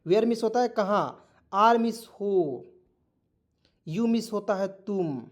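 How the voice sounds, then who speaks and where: A man with a Hindi accent teaches spoken English online, spelling words letter by letter and checking in with his students. His voice is high-pitched with lively intonation and a slow pace, and he repeats himself, quizzes the class, and keeps asking "ठीक है".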